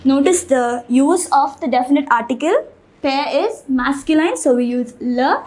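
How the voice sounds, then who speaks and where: An animated French teacher with a high, bright-pitched voice leads a slow, deliberate language lesson. Like a patient classroom teacher, she repeats each word several times, though the recording is low quality.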